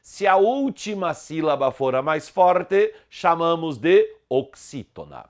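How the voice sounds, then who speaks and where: Male grammar teacher, fairly high and smooth voice, didactic delivery that spells out syllables. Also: big pitch swings, a little mellow. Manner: didactic, stressing syllables slowly. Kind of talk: online grammar lesson.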